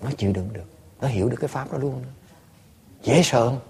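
A man, a Buddhist monk teacher, telling stories to listeners in an animated, laughing way with many stammered repeats. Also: medium pitch, fast talker, vocal fry, slightly rough. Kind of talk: storytelling talk to listeners.

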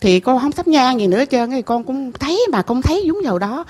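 A middle-aged woman with a Southern Vietnamese accent gives an emotional personal testimony at a temple gathering. She speaks earnestly and haltingly, repeats herself, and keeps addressing the master. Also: sits high, animated, a little mellow, slightly rough. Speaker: temple visitor telling her story.

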